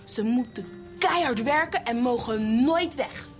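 A woman narrating a Bible story for children, switching between hushed whispers and lively character voices. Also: on the high side, unhurried, soft background music.

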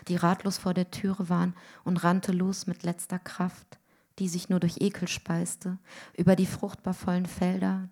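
A woman reading a literary story aloud in a rhythmic way, often dropping to hushed tones. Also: fairly low pitch. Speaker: reader.

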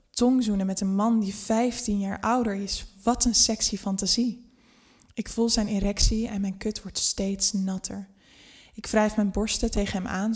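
Reading a scripted first-person erotic tale, a woman uses a mid-range voice with an intimate, unhurried manner that occasionally falls to a hush.

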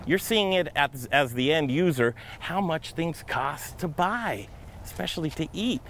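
A man's voice: on the high side, animated, a little slow, fairly bright tone. Upbeat male travel show host on location. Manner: upbeat, enthusiastic. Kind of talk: upbeat on-location presenting and interviewing. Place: on location at a distillery tasting room. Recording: clear background noise on location.

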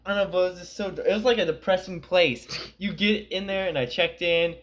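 A man's voice: high-pitched, a little fast, fairly bright tone, dull audio. A young man co-hosting a podcast, telling rambling, profane stories in casual chat. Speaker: podcast co-host.

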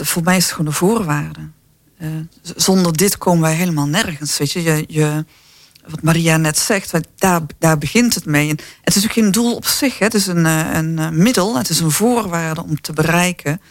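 A man from the southern Netherlands speaking in a panel discussion, lively and full of fillers and rhetorical tags. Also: fairly high pitch, gravelly, dry recording. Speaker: company representative.

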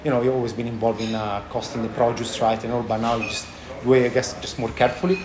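Casting: male interviewee, thick Italian accent, halting conversational delivery, roomy sound, light background noise. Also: mid-range voice, little pitch movement. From Italy. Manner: halting, non-native phrasing. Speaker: chef and restaurant owner being interviewed. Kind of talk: casual interview answers. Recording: echoey room with background noise.

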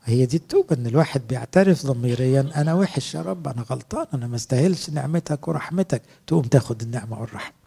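A man's voice: mid-range voice, lively intonation, racing, vocal fry, few pauses, mellow, husky. A middle-aged man with an Egyptian Arabic accent, preaching a sermon as a priest, earnest and asking his listeners rhetorical questions.

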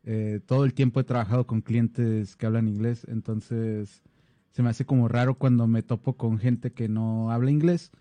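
A man's voice: mid-range voice, steady tone, normal speed, warm tone, dry recording, muffled recording. A man from Baja California with a northern Mexican accent, chatting casually as a podcast co-host. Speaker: podcast co-host, software developer. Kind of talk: casual conversational chat.

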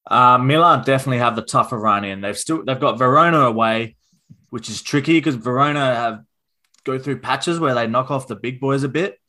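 A man's voice: medium pitch, a little fast. A man co-hosting a casual football podcast, thinking aloud with plenty of ums and restarts. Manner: relaxed, thinks aloud with fillers. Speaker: podcast co-host.

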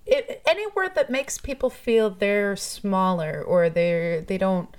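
A Toronto musician, appearing as a guest in a relaxed interview, speaks in a medium-pitched, slightly mellow voice with lively intonation and a slow pace. She's thoughtful and chatty, and she laughs a lot.

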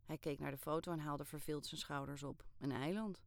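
A woman with a fairly low voice reads a first-person story aloud. She tells it steadily and lifts sharply for the excited dialogue. The recording is close and dry, with no room sound. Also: fairly quick, creaky, no room sound. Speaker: narrator.

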